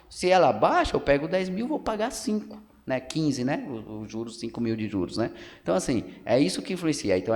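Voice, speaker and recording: The speaker is a man in his thirties from Pernambuco, Brazil, a local journalist guesting on a podcast with casual political talk, long-winded explanations, and frequent fillers and tag questions. His mid-range voice has a darkish tone, and the council building room adds long hall reverb.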